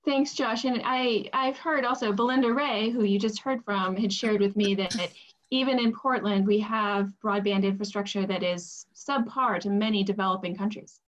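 A woman's voice: mid-range voice, steady tone, normal speed. A woman in her forties moderating a panel over a video call, upbeat and inviting. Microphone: laptop webcam mic. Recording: dull lo-fi video call audio.

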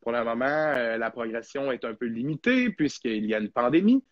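A man's voice: mid-range voice, animated, normal speed, dry recording, lo-fi sound. A young man with a Québécois French accent hosting a casual live podcast, chatty and rambling with lots of fillers. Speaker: podcast host.

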